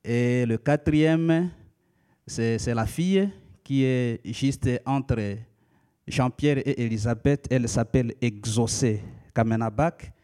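Preaching in a church, this Congolese pastor in his thirties, whose native language is Lika, has a mellow, mid-range voice. His sermon unfolds in a measured, teaching style, often interrupted by hesitations.

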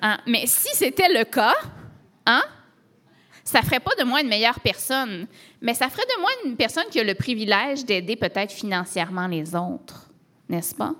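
A woman's voice: fairly high pitch, very animated, moderate pace, pushed and bright. A woman from Canada with a Québécois French accent, a pastor preaching a sermon in a conversational way, with rhetorical questions and tags like "hein".

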